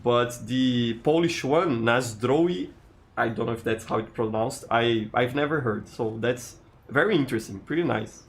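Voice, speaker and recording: Mid-range in pitch and talking at normal speed, a man from Brazil with a Brazilian Portuguese accent streams a game. He's friendly, chatting casually and reading chat aloud, stammering through restarts.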